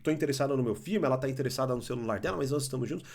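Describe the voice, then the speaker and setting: A young adult Brazilian man giving blunt, animated opinion commentary, swearing and mocking others. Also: medium pitch, rapid-fire, vocal fry. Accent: Brazilian Portuguese.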